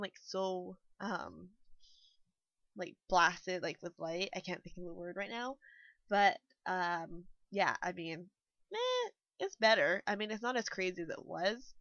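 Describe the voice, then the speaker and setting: This time the game-builder vlogger's voice is medium in pitch and fairly bright, with no echo, captured on a dull, dry lo-fi mic. Still a little sick and slightly nasal, the young woman chats her way through a voice-over walkthrough, rambling and leaning heavily on fillers.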